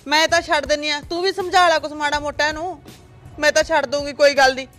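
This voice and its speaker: A woman plays a grieving older mother in a family drama skit, talking quickly in a fairly bright tone over faint music. Indignant and aggrieved, she pleads and laments, then bristles and talks back when challenged, her pitch rising as she argues.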